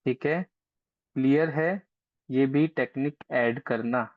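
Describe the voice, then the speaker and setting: A man's voice: medium pitch, slow pace, dry recording. A man teaching an online astrology class in a casual, chatty way, coaxing and teasing his students, heard over a video call. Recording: dry, dull lo-fi call audio.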